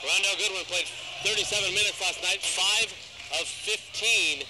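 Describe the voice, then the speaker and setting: A man in his late thirties giving relaxed basketball color commentary, chatty with stats and stories, in an arena. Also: high-pitched, normal speed. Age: 30s. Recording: arena crowd noise behind.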